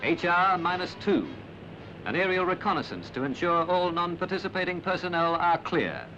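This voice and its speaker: A man reading a scripted 1960s documentary narration in a formal, measured, dramatic way. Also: high voice, big pitch swings, music in the background. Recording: dull, band-limited 1960s film soundtrack.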